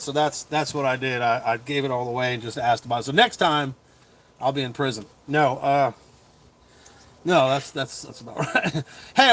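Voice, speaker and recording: A middle-aged man hosting a casual livestream chat as a comedian, rambling with lots of fillers and quick chuckles. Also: on the high side, a bit bright. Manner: chuckling, full of fillers and restarts.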